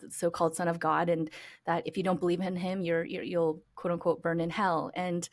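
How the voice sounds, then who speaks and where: Guest voice: low-pitched American woman, thoughtful, chatty, lots of "um" and "like". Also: little pitch movement, moderate pace. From United States. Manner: reflective, many fillers and restarts, laughs lightly. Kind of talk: conversational interview storytelling.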